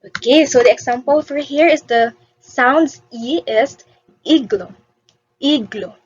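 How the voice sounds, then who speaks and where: Slightly high-voiced lady teaching vowels, repeats words for class, dull muffled audio. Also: unhurried, no echo. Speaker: English teacher. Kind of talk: beginner vowel lesson.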